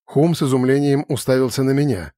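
A man with a mid-range voice reads a first-person fantasy story in a steady, conversational way. The sound is dry and close, with no room around it. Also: medium pitch, brisk, no room sound. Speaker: audiobook narrator.

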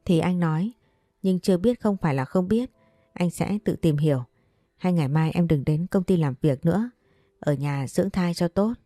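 A woman voicing a young husband who talks gently and soothingly to his wife. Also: lowish voice, normal speed, no room sound, clean studio sound, faint music behind, natural voice. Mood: tender.

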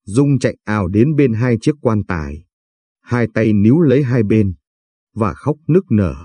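A man narrating a sad story in a slow, somber, scripted way. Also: lowish voice, expressive, dark tone, husky, no room sound.

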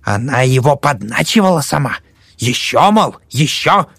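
A man voicing a shrill, superstitious old woman who scolds and whispers accusations. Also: very animated, measured pace, vocal fry, a bit bright, husky, dry recording, clean studio sound, heavily acted. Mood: shrill scolding.

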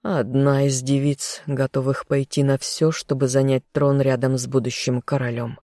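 A stern older monarch speaks in a slow, grave, commanding way, a touch lower than the reader's own voice, as an audiobook reader puts him on. The tone is dark and mellow, recorded close and dry. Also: little pitch movement, dry recording, close to an everyday voice. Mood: weary. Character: stern older king and father, weary ruler. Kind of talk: audiobook character voice.

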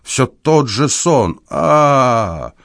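A man's voice: mid-range voice, lively intonation, a little slow, no room sound, clean studio sound, pitched above the performer's own voice. A man voicing a fussy, fearful old man who whines and frets. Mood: wailing. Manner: whining, plaintive, agitated.

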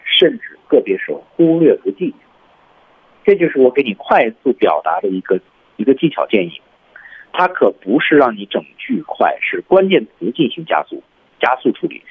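A man teaching English on a radio programme, explaining step by step and demonstrating lines over and over. His pitch swings widely as he stresses points, and his voice sounds husky. The audio is thin and tinny, like a phone line. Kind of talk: radio lesson on English speaking.

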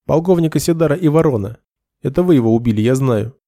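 Guy playing a blunt young sergeant, cold and accusing, mellow dry voice. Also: mid-range voice, expressive, fast, no echo, close to an everyday voice.

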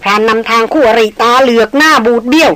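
Lady reading a thai adventure novel, steady and even, audiobook style. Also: a little high, fast talker, no room sound, low-quality recording. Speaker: audiobook reader. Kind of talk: scripted novel narration.

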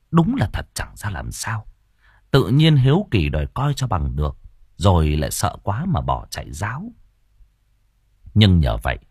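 A man narrating an audio novel with expressive storytelling. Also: sits low, slightly rough, no echo, studio quality.

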